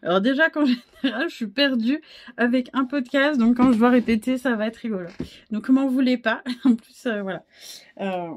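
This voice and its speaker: A woman in her thirties chatting casually in a knitting vlog, a little hoarse, rambling and self-deprecating, full of fillers and restarts. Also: fairly high pitch, darkish tone. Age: 30s. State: a bit hoarse, frog in the throat. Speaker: wool dyer and knitting podcaster.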